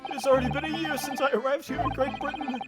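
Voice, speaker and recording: A woman voicing a nervous, plaintive Japanese literary gentleman in a theatrical amateur read of a visual novel game. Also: high-pitched, fairly even intonation, quick pace, lightly acted. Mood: earnest, defensive. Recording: music behind the voice.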